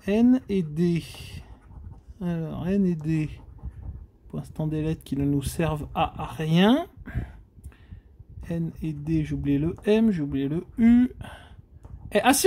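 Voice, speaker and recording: A man's voice: on the high side, warm tone. A man from France giving casual commentary while scratching lottery tickets, exclaiming and groaning at each letter. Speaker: scratch-card vlogger.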